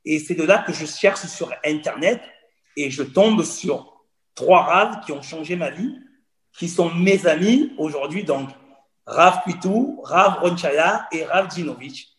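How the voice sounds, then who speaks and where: Recorded with a roomy echo, a man in his forties from Cameroon speaks as a guest, giving an earnest personal testimony in conversation and repeating phrases as he tells his story. His voice is fairly high and fairly bright in tone, and he speaks unhurriedly.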